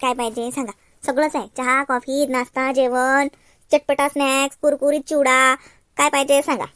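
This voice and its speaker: A woman's voice: sits high, level tone, moderate pace, fairly bright tone, no echo, clean studio sound. A woman playing a fussy, chattering young wife with a Varhadi Marathi accent in a cartoon.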